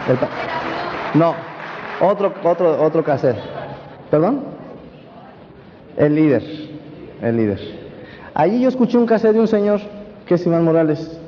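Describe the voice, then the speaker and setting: A man with a Mexican accent giving an animated personal testimony to a seminar audience, often checking that they follow him. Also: fairly high pitch, unhurried, pauses often. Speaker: motivational speaker at a network marketing event. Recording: dull echoey hall recording with faint hiss.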